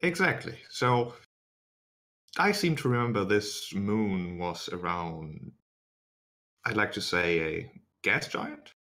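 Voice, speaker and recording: Man as female adventurer, tabletop game, formal, cautious, precise wording, deliberate, low forceful voice. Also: expressive, exaggerated voice. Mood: probing.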